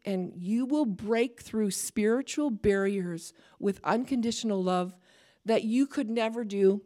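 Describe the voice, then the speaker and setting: A middle-aged woman from Canada with a Canadian accent, a chaplain giving a sermon in a conversational way with warm asides and light laughter. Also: medium pitch. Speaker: chaplain and preacher.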